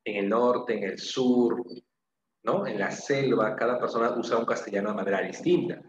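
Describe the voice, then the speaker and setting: A man's voice: medium pitch, fairly even intonation, normal speed, noisy background. Peruvian man teaching, roomy dull sound. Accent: Peruvian Spanish. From Peru. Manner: explains step by step, repeating key phrases and asking "¿no?" and "¿ok?". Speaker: language teacher. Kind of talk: classroom lecture.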